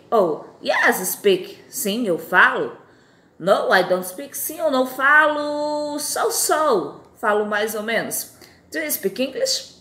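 A woman in her forties from Fortaleza, teaching basic English phrases. Her voice sounds tired and strained, and she repeats each phrase slowly. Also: medium pitch, a bit bright, reverberant. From Fortaleza, Brazil. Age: 40s. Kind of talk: recorded lesson.

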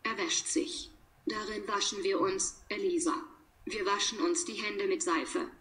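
A woman reads short example sentences aloud for a language lesson. She speaks slowly and deliberately, pausing between sentences. Her voice sits at an ordinary middle pitch. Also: fairly even intonation, fairly bright tone.

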